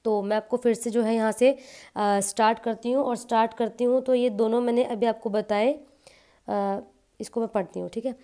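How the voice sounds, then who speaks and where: A woman teaching Quran recitation, explaining patiently and drawing out example words slowly. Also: a little high, steady tone, mellow, clean tone.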